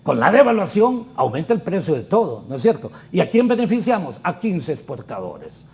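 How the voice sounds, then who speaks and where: A man's voice: on the high side, huge pitch swings, normal speed, darkish tone. A man, a politician arguing his points in an interview with rhetorical questions. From Honduras. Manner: argumentative, emphatic with rhetorical questions. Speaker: politician guest.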